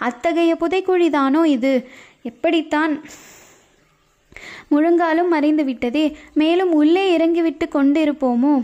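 A woman narrating a historical novel with dramatic, expressive delivery. Her voice is high and mellow, and the recording sounds dull and lo-fi. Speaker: audiobook narrator. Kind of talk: storybook narration.

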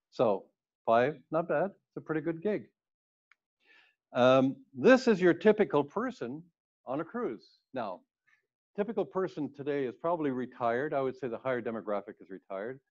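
An older man talks his way through a slide presentation, casual and a little rambling, often restarting his sentences. His voice sits at a middling pitch for a man. The sound is dull and lo-fi. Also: darkish tone. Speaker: cruise ship speaker. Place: indoors in front of a plain wall.

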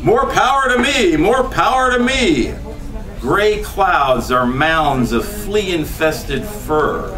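A poet in his fifties gives a reading in a small bookstore room, his voice fairly high and slow, gesturing animatedly and laughing between lines with chatty asides. A far-off camera with no mic captures him from a distance.

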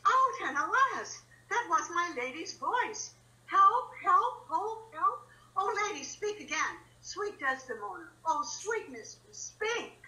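A woman's voice: extremely high pitch, very animated, a little slow, few pauses, bright, forceful tone, exaggerated voice, low-quality recording. A woman reading the part of a loyal, outspoken lady's maid in an online Shakespeare reading, with emphatic, impassioned delivery. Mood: distraught. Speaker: reader in an online play reading. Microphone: video call.

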